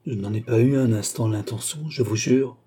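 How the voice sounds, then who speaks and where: A man reading a cold, composed count who calmly demands repayment, keeping a polite but unyielding manner. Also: mid-range voice, moderate pace, slightly rough, close to an everyday voice. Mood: cool. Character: icy, composed male count and sorcerer-creditor.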